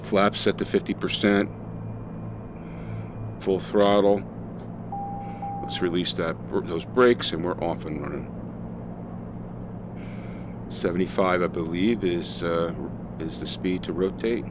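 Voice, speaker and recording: A man's voice: deep voice, fairly even intonation, takes it slowly, pauses often, noisy background. A man casually talking through a flight simulator session, thinking aloud with fillers as he flies. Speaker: flight sim streamer. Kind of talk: casual gameplay commentary.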